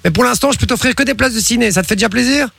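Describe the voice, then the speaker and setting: Cheery male host of an evening radio show; high-pitched, a bit gravelly, teasing tone. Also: rapid-fire, bright, forceful tone, no echo. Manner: upbeat, teasing, laughs often. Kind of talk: lively radio banter.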